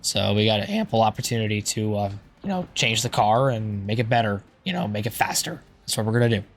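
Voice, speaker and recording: A man with a hoarse, strained voice giving casual, rambling gameplay commentary, thinking aloud in an informal way. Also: on the low side, lively intonation, fairly quick. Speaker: gaming YouTuber.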